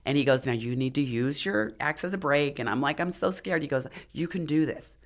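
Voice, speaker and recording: A woman's voice: extremely low pitch, a little fast. A middle-aged woman, a podcast guest, telling a dramatic story in a casual interview and acting out what others said. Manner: animated, acts out the dialogue of others. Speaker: podcast guest, former figure competitor and mountaineer.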